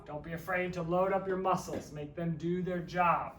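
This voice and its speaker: Upbeat male fitness coach, high voice, a bit winded, echoey empty room from a distance. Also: steady tone, moderate pace, fairly bright tone, slight background noise. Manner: upbeat, joking coach talk, counting reps. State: a little out of breath while exercising. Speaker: fitness instructor. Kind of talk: guided workout instruction. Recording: echoey room, from away from mic.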